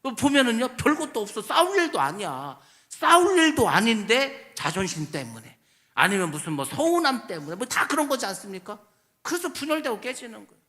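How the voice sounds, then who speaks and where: A pastor preaching a sermon, emphatic, asking rhetorical questions and answering them himself, swinging between loud stress and quiet asides in a church sanctuary. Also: male voice, extremely high pitch, sing-song, a little fast.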